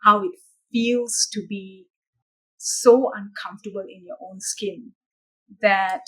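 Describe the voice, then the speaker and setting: A woman's voice: medium pitch, steady tone, a bit bright, breathy edge, low-quality recording. A woman from Malaysia, a coach answering interview questions in an earnest, reflective way. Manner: earnest, measured storytelling with some restarts. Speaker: guest, coach.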